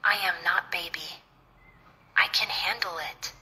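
A woman's voice: fairly low pitch, unhurried, bright, forceful tone. A woman voicing a worried young man on the phone, giving urgent, protective warnings.

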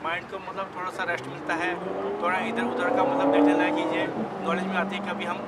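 A man's voice: sits high, lively intonation, fast talker, heavy background noise. A man vlogging with friends outdoors at night, talking in an earnest, rambling way and sometimes acting as a playful mock reporter. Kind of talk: casual chat with friends. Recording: background music playing.

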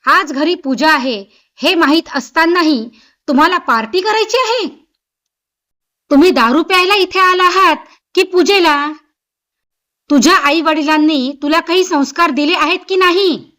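A stern, sharp-tongued mother-in-law scolds and gives orders in a fairly high voice, as a woman narrator reads her part. She is commanding and quick to find fault in this spoken family story. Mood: furious.

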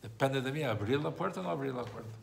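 A man's voice: mid-range voice, animated, quick pace, gravelly, very noisy. A man, a rabbi, teaching a religious text class, who explains by repeating and rephrasing his points and tells a story along the way.

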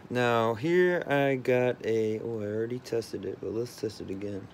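A man's voice: medium pitch, moderate pace, slight background noise. A man casually talking through his tech setup while filming from behind the camera, loose and full of fillers. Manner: loose, filler-heavy explaining. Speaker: tech vlogger. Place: cluttered room full of phones and routers.

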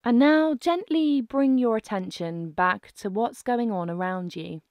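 Woman doing a guided breathing meditation, gentle and slow, really dry close recording. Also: fairly high pitch, dry recording. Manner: slow, gentle, calming delivery with soft phrasing.

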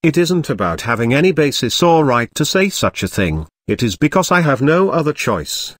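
A man reading the lines of a quiet, resolute young woman cultivator in a soft, gentle, even voice. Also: mid-range voice, normal speed, dry recording, studio quality.

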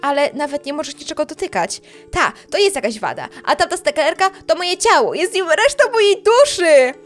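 A woman's voice: high-pitched, sing-song, normal speed, faint music behind, voice pushed up. A woman voicing a selfish young ghost witch girl in a game, whiny, petulant and pushy. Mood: bratty.

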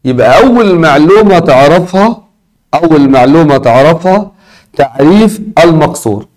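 A teacher with an Egyptian Arabic accent and a voice pitched a little above most men's. He drags out the words that matter and keeps asking his students questions. He repeats himself to make the point stick. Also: expressive, moderate pace, darkish tone. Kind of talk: recorded lesson.

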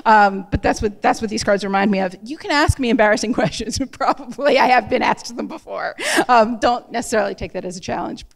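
A woman author speaking to a library audience, quick and chatty with many fillers and restarts. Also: fairly high pitch, gravelly. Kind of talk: public talk to an audience. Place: event room before an audience. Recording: reverberant hall.

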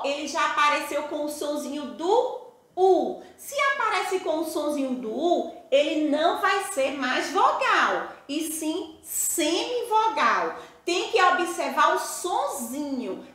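A Brazilian woman teacher speaks slowly in a very high, bright voice, explaining patiently step by step. Her pitch rises and falls a lot as she quizzes the class with rhetorical questions. The sound is very echoey, as in a bare room. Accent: Brazilian Portuguese. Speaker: primary school teacher. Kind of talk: recorded class lesson.

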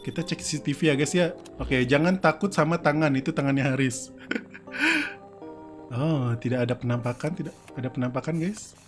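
A man's voice: fairly high pitch, lively intonation, normal speed, faint music behind. A young man doing casual, playful game commentary from home, joking about himself and breaking into screams and laughter. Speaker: streamer.

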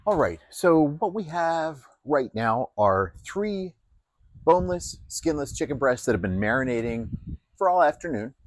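A man calmly explaining how he marinates and grills chicken, step by step with plenty of fillers. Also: on the high side, measured pace, no echo. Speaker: home cook. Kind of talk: casual cooking demonstration. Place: outdoors at a grill.

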